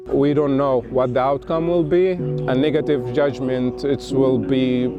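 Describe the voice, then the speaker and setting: A man from Gaza speaking earnestly in a documentary interview, often pausing with "I mean". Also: medium pitch, steady tone, lo-fi sound. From Gaza, Palestine. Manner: earnest, with frequent "I mean" fillers. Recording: music bed under the voice.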